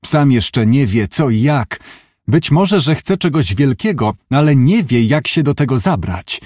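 A man's voice: mid-range voice, sing-song, a little slow, a little mellow, dry recording, studio quality, voice pushed up. A man reading an audiobook, voicing an earnest, brooding man who muses and argues at length. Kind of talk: audiobook character voice.

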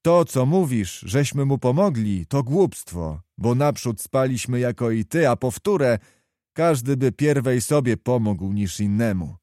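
A man's voice: medium pitch, animated, measured pace, warm tone, no echo, clean studio sound, lightly acted. Stern patriotic officer, declaiming, by a male narrator. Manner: impassioned, declamatory speech.

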